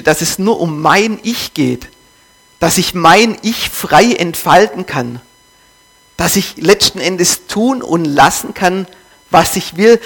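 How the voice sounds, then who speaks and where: A man's voice: fairly high pitch, husky. A man preaching a sermon, putting rhetorical questions to the congregation.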